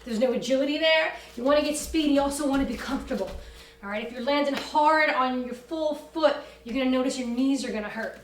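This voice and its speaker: Female workout coach, high voice, brisk commanding instruction, recorded in a roomy space away from the mic. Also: slight background noise. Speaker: fitness class instructor. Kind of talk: energetic workout instruction with cues and countdowns. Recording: roomy echo, distant from the mic.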